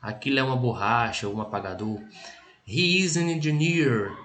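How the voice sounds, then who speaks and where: A man with a Brazilian Portuguese accent teaching an English lesson. He explains patiently, checks in often and reads example sentences slowly before translating them. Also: medium pitch, fairly bright tone. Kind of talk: recorded language lesson.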